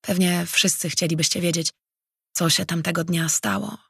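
A narrator voicing an earnest male mage who travels between worlds, read as an audiobook character in a measured way. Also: medium pitch, level tone, vocal fry, fairly bright tone, slightly rough, no echo, studio quality.

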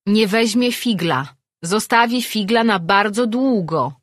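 Reader doing a young sorceress, stern but gentle, coaxing her pet, dry and a bit husky. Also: medium pitch, animated, normal speed, dry recording, voice pushed up. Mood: firm. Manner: firm, coaxing, speaking simply to a pet. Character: young woman sorceress, firm and warm.

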